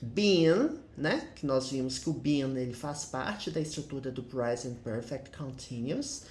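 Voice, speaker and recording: A man's voice: medium pitch, animated, a little slow, darkish tone. A man explaining English grammar step by step, checking in with listeners through frequent tag questions. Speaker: English teacher. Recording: roomy echo.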